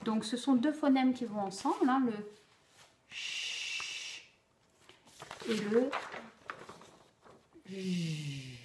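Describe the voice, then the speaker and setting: A woman explaining how to teach a speech sound to children, slow and deliberate, with frequent pauses and fillers. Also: a little high, a little mellow, a little hiss or hum. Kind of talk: instructional explanation for parents. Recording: echoey room.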